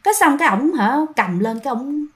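A woman's voice: sits high, animated, a little fast. A woman with a Southern Vietnamese accent casually telling a ghost story and talking to her listeners. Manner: chatty, addresses listeners directly.

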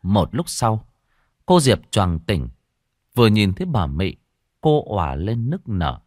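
Expressive male ghost story narrator. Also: lowish voice, measured pace, no echo, studio quality.

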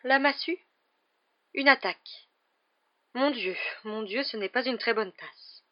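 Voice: mid-range voice, measured pace, muffled recording, voice pushed up, close to an everyday voice. A reader voicing a dramatic, mournful older woman fortune-teller in an audiobook, speaking in a theatrical, wailing manner. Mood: ominous. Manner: theatrical, wailing, breathy dread.

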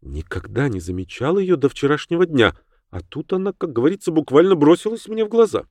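A man's voice: on the high side, very animated, a little fast, darkish tone, no room sound, studio quality, pitched above the performer's own voice. A man reading an audiobook, voicing a blunt, gossipy cleaning woman. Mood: wary. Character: plain-spoken chatty cleaning woman.

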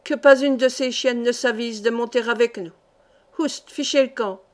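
A woman's voice: mid-range voice, moderate pace, darkish tone, close to an everyday voice. A woman reading aloud voices a fat, brutal male gendarme who barks orders with contempt in a storybook. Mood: barking. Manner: barking, contemptuous.

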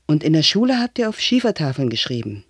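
A man's voice: fairly high pitch, sing-song, fast, husky, no echo. A man voicing a small boy who eagerly asks his father questions, in an audiobook reading. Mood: curious.

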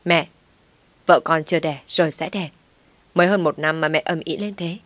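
A woman's voice: deep voice, steady tone, normal speed, fairly bright tone, no room sound. A woman voicing a restrained young husband. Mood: insistent. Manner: pleading, insistent. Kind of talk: audiobook story reading.

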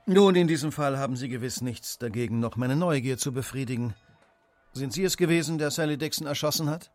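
A male actor with a mid-range, natural voice plays a sharp, self-assured detective in a German radio drama, speaking eloquently and with authority. His delivery shifts between hushed and emphatic, a little fast, with a cool, taunting mood and no room sound.

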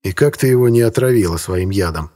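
A man's voice: fairly low pitch, lively intonation, fairly quick, warm tone, close to an everyday voice. A man doing a smug, mocking lawyer. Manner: mocking, familiar. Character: smug, pushy male lawyer.

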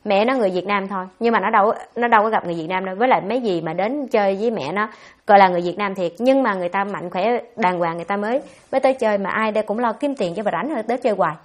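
Brief: nun, rapid-fire dharma Q&A, blunt and scolding, mid-pitched. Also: female voice. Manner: blunt, scolding, fast-talking. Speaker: Buddhist nun answering questions. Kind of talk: dharma talk Q&A.

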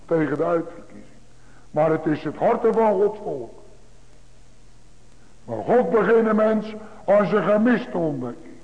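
High-voiced preacher over a tinny line. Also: male voice, expressive, unhurried, pauses often, darkish tone. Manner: emphatic, repetitive preaching cadence. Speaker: pastor. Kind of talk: sermon. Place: church. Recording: tinny phone-like broadcast in a large reverberant church.

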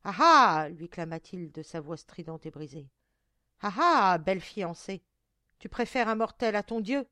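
A woman reading a story aloud and voicing a cruel, damned male goblin monster with a shrill, cracked voice and a loud, taunting way of speaking. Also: lively intonation, a little slow, no room sound. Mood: gloating.

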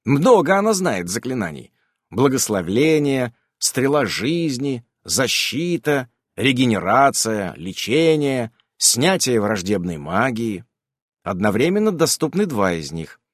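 A man reading a first-person fantasy audiobook in a lively, expressive storytelling manner. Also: medium pitch, a little slow, no echo, studio quality. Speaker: audiobook reader.

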